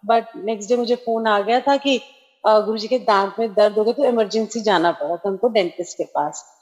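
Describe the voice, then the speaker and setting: A middle-aged devotee shares a testimony over a remote call, telling a personal devotional story in a chatty way and slipping in English phrases. Her voice is fairly high-pitched with a darkish tone.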